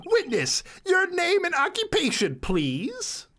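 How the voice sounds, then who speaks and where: A man's voice: very high voice, wildly swooping pitch, slow, a bit bright, a little hiss or hum, voice pushed up, full character voice. A man voicing a male prosecutor in a courtroom game, speaking formally. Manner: formal, declarative.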